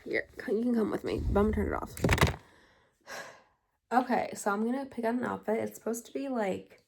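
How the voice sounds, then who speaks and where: Chatty woman with a gravelly edge. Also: on the high side, a little fast, heavy background noise. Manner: chatty and rambling, with many fillers. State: a bit out of breath. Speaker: vlogger. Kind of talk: casual chat. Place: home, indoors.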